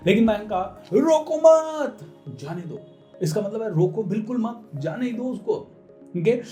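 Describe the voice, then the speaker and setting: A man coaches English pronunciation in a casual Hindi lesson, stretching words out slowly to show their stress. His voice is dark and mellow. He sounds like he's in a roomy, echoing space with soft music underneath. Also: high-pitched. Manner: slows right down to drill words, stressing syllables.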